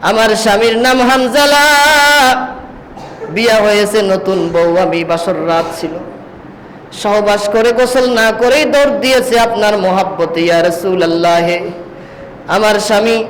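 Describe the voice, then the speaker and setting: A man's voice: high-pitched, measured pace, big-room sound, a little hiss or hum, low-quality recording. A man voicing a pleading young widow.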